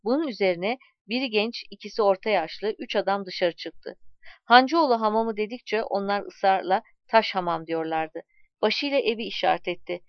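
A woman narrating a story aloud in a calm, measured reading voice, voicing the dialogue as she goes. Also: mid-range voice, no room sound, highs cut off.

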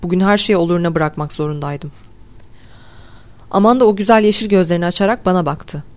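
A reader narrating a suspenseful novel in the first person as an audiobook, in a steady, even storytelling voice. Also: mid-range voice, quick pace. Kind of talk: scripted narration.

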